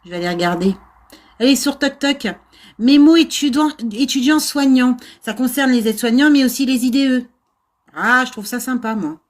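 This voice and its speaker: A middle-aged woman chats loosely on a livestream from her old house, her voice sitting a little high. She rambles, laughs at herself and fills her talk with hesitations as she speaks to her viewers. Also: moderate pace. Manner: chatty, laughing, self-mocking, many fillers. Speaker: nursing-assistant VAE coach and livestream host. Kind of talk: casual livestream chat with viewers. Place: old house without air conditioning.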